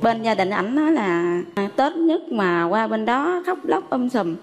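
A woman's voice: fairly high pitch, sing-song, a little slow, in a large hall. A woman in her thirties with a Southern Vietnamese accent, a dating-show contestant chatting shyly and politely on stage. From Dong Thap, Vietnam. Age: 30s. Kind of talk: casual on-stage chat. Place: TV studio.

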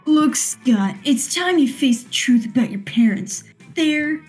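A woman plays a taunting male monster bully from a video game. The voice is high for the part and mellow, with a mocking manner. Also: expressive, a little slow, faint music behind. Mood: stern. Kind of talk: voicing a video game's dialogue.

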